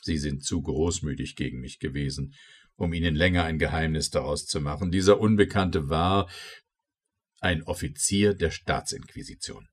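A man's voice: rumbling low, moderate pace, slightly rough. A man voicing a guarded, deferential constable leader in an audiobook reading.

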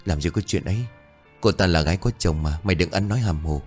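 A frightened young man in a ghost story speaks hesitantly and uneasily. A male narrator voices him. His voice is low, and faint music plays behind him. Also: fast talker, a little mellow, breathy edge. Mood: defensive. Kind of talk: storytelling dialogue.

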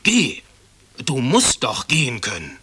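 A man's voice: mid-range voice, big pitch swings, unhurried, pushed and bright, breathy edge, voice pushed up, heavily acted. A man reading aloud in a storybook and voicing a bullying middle-aged male school caretaker who barks orders and then turns fawning and flustered. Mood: barking.

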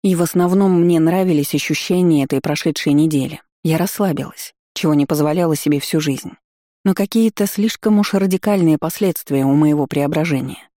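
Expressive first-person audiobook reader, warm tone, close dry booth sound. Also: mid-range voice, fairly quick, dry recording. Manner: lively, expressive storytelling. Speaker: audiobook narrator.

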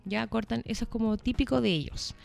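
A woman's voice: fairly high pitch, fairly even intonation, fast talker, gravelly, darkish tone, soft background music. A woman teacher with a Chilean Spanish accent explaining things in a casual chat, often checking in with "¿ya?" and laughing lightly. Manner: chatty, checks in with "¿ya?", laughs between points. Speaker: English teacher.

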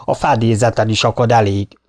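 A man's voice: lowish voice, steady tone, darkish tone, natural voice. A man voicing an angry male ship's stoker, a defiant mutineer with a mocking tone.

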